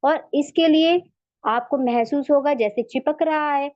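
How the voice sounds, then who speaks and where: A woman's voice: high voice, measured pace, darkish tone, no room sound. A woman teaching Quran recitation in Urdu-accented speech, going step by step and patiently repeating the sounds for practice. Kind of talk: slow step-by-step lesson. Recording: dull, dry lo-fi audio.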